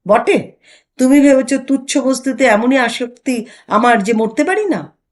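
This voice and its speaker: An older wife, suspicious and quick to anger, as a woman narrator puts her on. She scolds in a raised, indignant voice that swoops up and down. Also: high-pitched, expressive, voice pushed up. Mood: furious.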